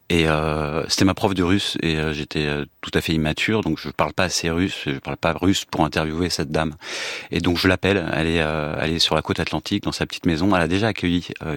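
A man giving a personal account as a guest in a radio studio interview, halting with many repetitions and fillers. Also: deep voice, a bit bright, no echo. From France. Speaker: guest, war reporter. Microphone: studio microphone.

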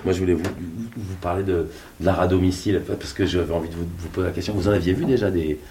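A man's voice: low-pitched, fairly even intonation, fast, mellow, slight background noise. A man visiting an elderly woman at home, talking in a hesitant way with repeated words, then reading a poem aloud with feeling. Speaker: visiting artist.

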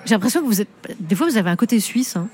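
A woman's voice: mid-range voice, lively intonation, rapid-fire, darkish tone. A woman radio host from Belgium with a La Louvière accent, interviewing her guest in a teasing, playful way.

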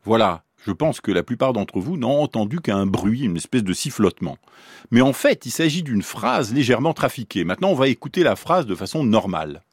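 A man's voice: medium pitch, sing-song, a little fast, breathy edge. A man explaining how babies learn words in a radio science talk, posing questions to the listener as he goes. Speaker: neuroscientist explaining the brain.

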